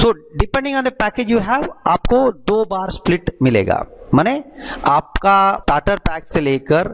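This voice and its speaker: Guy doing a sales presentation, explains step by step, mixes in english bits, fairly high voice. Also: poor audio. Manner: explains step by step, slipping English phrases into Hindi.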